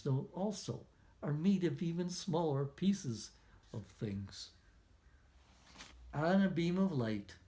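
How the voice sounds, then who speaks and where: Speaking at a medium pitch, the physicist works through a picture book for small kids, pausing to explain things gently and to wonder aloud with asides and questions.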